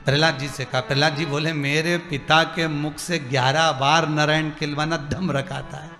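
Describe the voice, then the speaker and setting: A man's voice: fairly high pitch, normal speed, big-room sound. A man giving a devotional sermon, telling stories, acting out dialogue and putting questions to the crowd. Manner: animated, acts out dialogue and asks the crowd questions. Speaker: religious storyteller.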